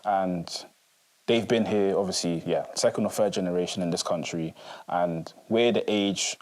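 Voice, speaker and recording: Low-pitched and moderately paced, a twenty-something man co-hosts a laid-back podcast discussion. He muses reflectively and rambles, leaning heavily on fillers.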